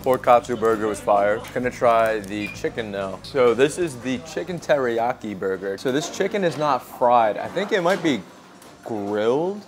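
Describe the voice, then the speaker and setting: A mid-range, expressive voice at a moderate pace comes from a relaxed, joking food vlogger in his twenties, with faint music behind him. He's recorded on a small clip-on mic attached to his shirt, out on a city street and then in a busy little restaurant.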